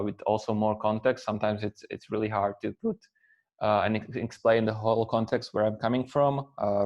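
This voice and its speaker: A Slovak man in his thirties speaks English as a guest in a conversational interview, halting, full of fillers and restarts. His pitch is fairly low and his tone darkish, and the recording sounds dull.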